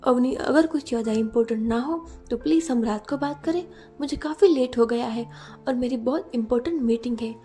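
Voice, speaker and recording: Woman reading as a gentle teasing young husband. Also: on the high side, fairly quick, faint music behind, natural voice. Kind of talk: storybook narration.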